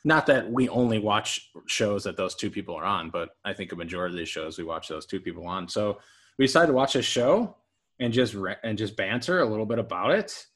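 A man's voice: on the low side, expressive, fairly quick, a bit bright, breathy edge. A man co-hosting a casual wrestling podcast, rambling with restarts while he has the hiccups. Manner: rambling, self-interrupting. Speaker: podcast co-host.

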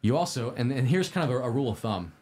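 A man's voice: medium pitch, sing-song, fast talker, a little mellow. A man hosting a casual livestream, giving upbeat, tidy advice in an informal, conversational way straight to viewers. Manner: informal, conversational, posing questions to the audience. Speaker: host of a live-streamed IT study show.

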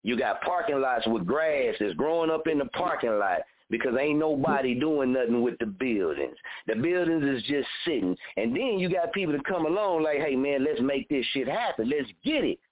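A man's voice: medium pitch, animated, normal speed, hardly any pauses. A man in his thirties hosting a radio show, giving a blunt, fired-up motivational talk full of repetition and cursing. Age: 30s. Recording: phone-like narrow audio.

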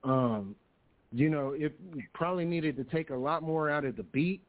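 A man's voice: a little high, moderate pace. An American man giving casual, emphatic music critique and advice, repeating his points. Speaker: panelist on a music review radio show. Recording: tinny, narrow phone-line sound.

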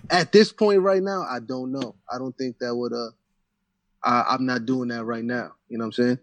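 A battle rapper from Central New Jersey, appearing as an interview guest, chats casually at a moderate pace in a medium-pitched voice. He talks loosely, dropping "you know what I'm saying" again and again. The recording is dry.

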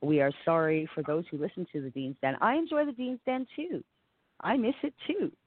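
A woman's voice: fairly low pitch, a little fast, dry recording. Woman co-hosting a podcast, phone-like audio. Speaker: podcast co-host. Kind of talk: casual chat. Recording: tinny, phone-like dry connection.

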